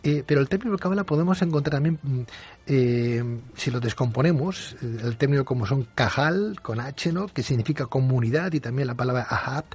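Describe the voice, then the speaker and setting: A man with a Spain Spanish accent hosting a late-night radio interview, courteous and measured, with hesitant fillers. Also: mid-range voice, darkish tone, slightly rough. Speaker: radio host.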